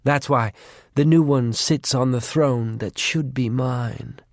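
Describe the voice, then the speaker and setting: A man voicing a cruel, war-loving female faery who taunts her sister in a low, menacing voice that drifts into whispers. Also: slow, no echo, studio quality. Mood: taunting.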